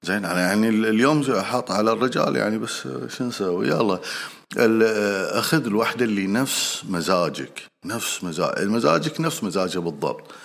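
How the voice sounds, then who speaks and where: A man with a Gulf Arabic accent giving casual, earnest advice straight to the listener, repeating points and pausing on fillers. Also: on the low side, expressive, gravelly, a bit bright. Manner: earnest and repetitive, addresses listener directly; frequent hesitations and fillers. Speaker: speaker giving marriage advice.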